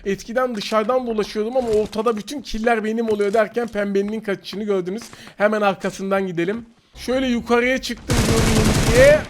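A man with a strikingly high voice narrates a mobile shooter match as he plays. He talks excitably and erupts into frustrated shouting when shots go against him. Game gunfire and clicks sit loud under his voice. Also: a little fast, a little hiss or hum. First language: Turkish. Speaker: gaming YouTuber. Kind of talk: live gameplay commentary.

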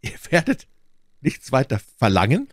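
A man's voice: fairly low pitch, very animated, moderate pace, darkish tone, no echo. Man playing an indignant haughty duke. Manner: raised, indignant and exclaiming. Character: haughty English duke, middle-aged, imperious, easily angered. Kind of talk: audiobook character voice.

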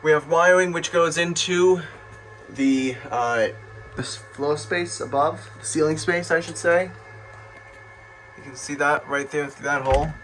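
A man's voice: fairly high pitch, unhurried, a bit bright, slight background noise, poor audio. A man giving a casual, technical walkthrough in a matter-of-fact way, recorded on a handheld phone around a home garage. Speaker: hobbyist demonstrator. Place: home garage and adjoining rooms, handheld camera.

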